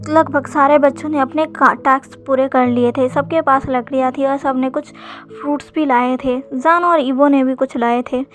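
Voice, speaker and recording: A woman narrating a fan story in plain, unhurried storytelling. Her voice is high for a woman, and soft music plays faintly behind her. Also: steady tone. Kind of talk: retelling fan fiction.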